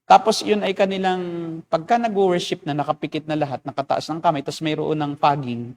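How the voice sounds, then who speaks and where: A man with a somewhat high voice speaks as a pastor in a relaxed discussion. He explains at length in a lecturing tone. He often acts out the remarks of other people as he goes. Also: brisk.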